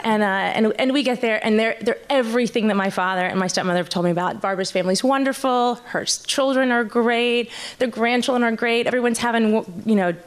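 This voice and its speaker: Telling a story from her own life on a live stage, a woman with a slightly high voice stumbles nervously and keeps restarting what she's saying.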